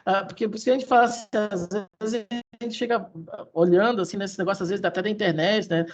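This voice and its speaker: Brief: woman, voice expert, breathy tone, stop-start explaining. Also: mid-range voice, darkish tone. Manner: halting, with many restarts and fillers. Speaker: voice expert guest. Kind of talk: explanatory conversation.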